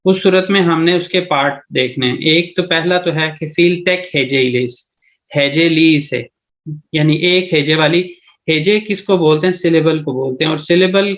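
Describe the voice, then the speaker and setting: His voice is fairly high and bright as this Pakistani man teaches a language over video call. He breaks the material into steps, frequently asks whether his listeners are following, and keeps saying "theek hai ji."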